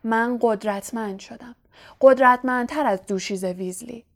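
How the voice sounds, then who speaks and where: A woman's voice: fairly high pitch, lightly acted. A woman reading a cold, gloating young wizard. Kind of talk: audiobook character voice.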